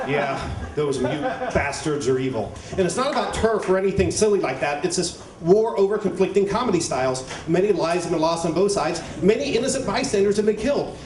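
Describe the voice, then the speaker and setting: High-pitched man, crude clown stand-up, mock-indignant ranting, roomy echo, live crowd. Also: lively intonation, quick pace, few pauses, noisy background. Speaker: stand-up comedian. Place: live stage before an audience. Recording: echoey room with live audience.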